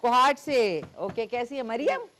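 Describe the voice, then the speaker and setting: A woman's voice: fairly high pitch, lively intonation, measured pace, a bit bright, a little hiss or hum. A woman with a Pakistani Urdu accent hosting a live cooking show, chatting as she cooks and takes callers. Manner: chatty, talks while cooking, frequent fillers.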